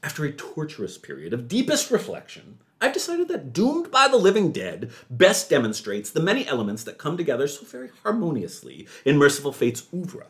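Gushing, theatrical man with wild pitch swings. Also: a little fast, hardly any pauses. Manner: theatrical, gushing, swoops into high excited yelps. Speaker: podcast host. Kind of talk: enthusiastic music podcast chat.

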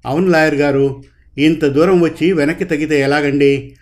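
An emotional, devoted wife pleads for her husband in a storybook reading, voiced by a man. The delivery is pleading, with a slightly raised pitch. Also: fairly even intonation, moderate pace, darkish tone, close to an everyday voice. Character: emotional devoted wife, quarrelsome but loving.

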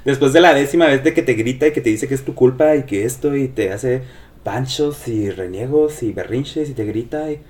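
At a moderate pace and medium pitch, a man recounts gossip during a casual podcast chat as co-host, animatedly impersonating the voices he quotes.

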